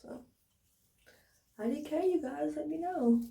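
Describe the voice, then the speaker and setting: High, creaky, and mellow, an American woman's voice moves a little slowly as she chats with viewers in a casual hair care tutorial, thinking aloud while demonstrating. Recorded away from the mic, it picks up roomy echo.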